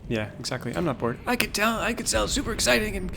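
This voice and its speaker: Streaming his game live, a man talks through it calmly and casually, thinking aloud and frequently starting his sentences over. He speaks quickly with a gravelly voice, and faint music sits behind him.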